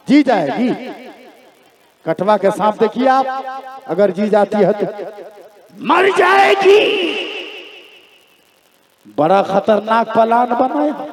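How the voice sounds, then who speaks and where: Male preacher, very high voice, deliberate delivery, acts out the story's characters, crowd audible throughout. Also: echoey room. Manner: animated storyteller voicing characters, rising to shouts. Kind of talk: storytelling sermon. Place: open-air religious gathering. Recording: crowd noise from a large gathering.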